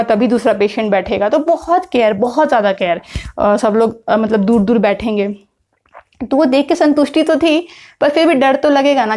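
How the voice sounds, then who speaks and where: A woman's voice: fairly high pitch, darkish tone. A young woman from India chatting to camera in a casual vlog, mixing English words into her talk with frequent fillers. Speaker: vlogger.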